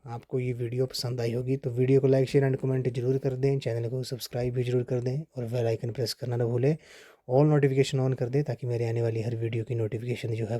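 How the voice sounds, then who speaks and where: A man teaching a Hindi grammar lesson for exam preparation, steady and repetitive, often checking in with "ठीक है". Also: mid-range voice, a little fast. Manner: steady, repeats points with frequent "ठीक है" checks.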